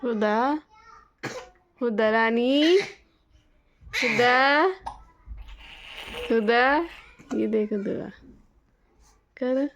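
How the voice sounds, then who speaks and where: A woman's voice: fairly high pitch, drawn-out words, pauses often, fairly bright tone, dull audio, slight background noise. A young mother coaxing her baby twins in sing-song baby talk, repeating their pet names.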